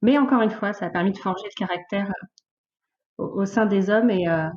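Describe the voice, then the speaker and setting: A woman in her late thirties, a podcast guest, telling her life story in a lively, casual way with many fillers. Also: mid-range voice, normal speed, muffled recording. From France, of Portuguese origin. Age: late 30s. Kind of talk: casual conversational interview.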